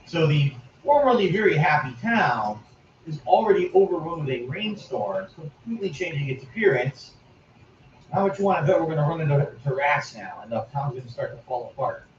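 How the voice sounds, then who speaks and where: A man's voice: on the high side, lively intonation, brisk, a little hiss or hum. Wry rambling male game streamer. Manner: rambling, wry, musing aloud. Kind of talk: casual gameplay commentary. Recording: distant roomy lo-fi stream recording.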